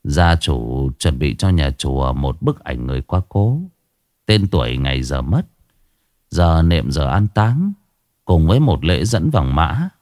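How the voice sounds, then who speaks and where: A man voicing a calm elderly Buddhist monk who gives unhurried, gentle instructions. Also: rumbling low, no room sound, studio quality, pitched below the performer's own voice.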